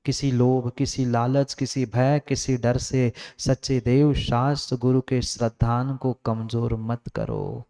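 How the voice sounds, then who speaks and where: A man delivers a sermon as a monk, pressing his point through repeated phrases. He swings between raised, high-pitched urging and hushed, low passages. His voice is smooth and clear, at an ordinary middle pitch. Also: little pitch movement, takes it slowly, hardly any pauses. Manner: emphatic, repetitive exhortation, swings from raised to hushed. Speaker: Jain monk preacher.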